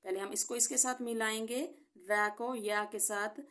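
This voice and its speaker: Lady teaching quran recitation, patient, explains then says each word real slow and clear. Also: fairly high pitch, steady tone, a bit bright. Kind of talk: step-by-step recitation lesson.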